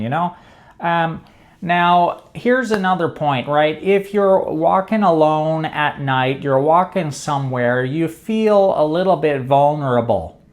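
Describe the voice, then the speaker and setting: A man with a slightly high voice talks to his channel's viewers in an unhurried, rambling monologue. He circles around his points, breaks off mid-phrase and tries again, and sounds as if he is working out each idea as he speaks. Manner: meandering, hesitant, many restarts. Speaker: channel host. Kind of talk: casual brainstorming monologue.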